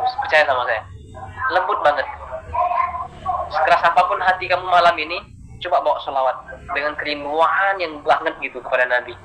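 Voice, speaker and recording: A man preaching a casual sermon, earnest and colloquial, dropping in Arabic terms as he talks. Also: on the high side. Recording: noisy recording.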